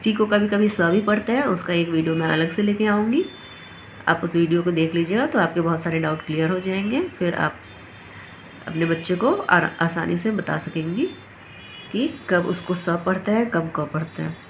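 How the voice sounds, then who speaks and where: A woman's voice: on the low side, moderate pace, a little hiss or hum. A woman teaching a phonics lesson, sounding out letters and words one by one.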